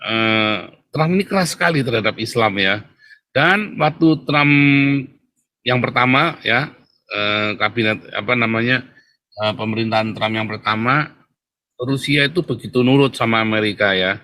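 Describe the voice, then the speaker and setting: Speaking at a moderate pace with a sharp tone and medium pitch, this man hosts a relaxed monologue. He addresses his audience emphatically, peppers his lines with a repeated "saudara ya," and chuckles at his own remarks.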